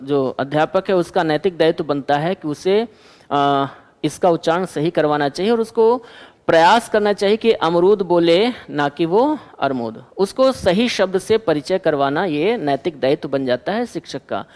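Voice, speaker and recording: A man's voice: a little high, expressive, moderate pace, a little mellow, long reverb tail. A male teacher giving an exam-prep lecture, who asks the class questions and answers them himself.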